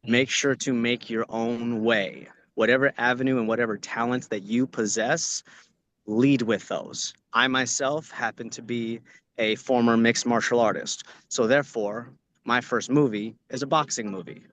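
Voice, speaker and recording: On a video call from outdoors on location, a working actor from Orange County, California answers acting students' questions with casual, earnest advice, often repeating phrases for emphasis. His voice is medium-pitched and fairly bright, with fairly even intonation at a normal speed.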